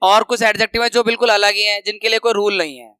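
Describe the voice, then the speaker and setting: High bright-voiced man teaching grammar. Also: fairly even intonation, clear, resonant tone, no room sound, rough recording. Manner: patient, repeats example words slowly and drawn out. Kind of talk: classroom lesson explaining slides.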